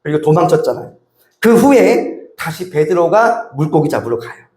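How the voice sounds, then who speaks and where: A male pastor delivers a sermon in a high, bright voice, pressing his points with one rhetorical question after another. The sound rings around a roomy church sanctuary with a lot of echo. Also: big pitch swings, normal speed. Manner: emphatic, with many rhetorical questions to the congregation.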